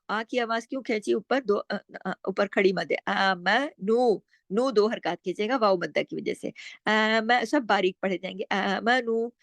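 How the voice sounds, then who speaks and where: A woman teaching Quran recitation rules, explaining step by step, asking and answering her own questions, and drawing out words slowly when she recites. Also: mid-range voice, gravelly, no room sound. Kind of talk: tajweed lesson with slow recitation.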